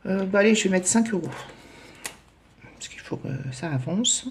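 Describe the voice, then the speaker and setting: A woman chatting casually as she fills in savings challenges, hesitating often and counting out loud. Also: medium pitch, animated, normal speed, a little hiss or hum. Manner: chatty, self-deprecating, lots of hesitations and counting aloud. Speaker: budget vlogger. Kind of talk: casual chat while doing savings challenges.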